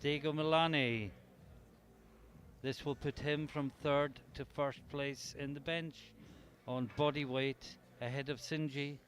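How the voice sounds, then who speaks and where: A man's voice: on the high side, steady tone, slow, fairly bright tone. A man commentating live on a competition, chatty and explaining the results.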